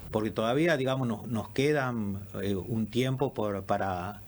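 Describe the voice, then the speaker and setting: Doctor guest, measured explaining voice, lots of fillers. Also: male voice, lowish voice, darkish tone, a little hiss or hum. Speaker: pulmonologist guest. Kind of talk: radio interview answers.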